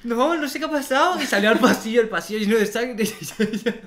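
A young podcast co-host from Almería, Spain, with an Andalusian accent, tells anecdotes in a casual chat, laughing often and acting out quotes. His voice is very high-pitched and fast. He's in a small studio room at a desk, using a desk microphone on a stand.

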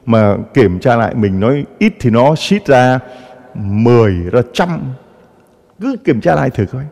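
A man's voice: mid-range voice, a little slow. Priest guy giving a sermon, voice jumps all over, long echo in the church. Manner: animated storytelling, acting out gossiping voices.

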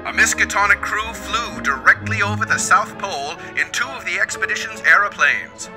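A man's voice: high voice, moderate pace. A man narrating in the formal, declamatory manner of an old-time newsreel announcer. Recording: narration over clear music.

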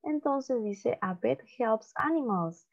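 A woman teaching an online English class to children, modelling phrases slowly and explaining in Spanish. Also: fairly high pitch, animated, gravelly. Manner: patient, slow model reading, switches to Spanish to explain. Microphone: video call. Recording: dull lo-fi call audio.

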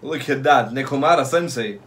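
A young man giving excited live reaction commentary in casual street slang, swearing freely and repeating short phrases. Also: medium pitch, normal speed. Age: young adult. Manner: casual street slang, like "yo", "fam", "bro", "no cap". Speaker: anime reaction host. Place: small bedroom or home room, indoors.

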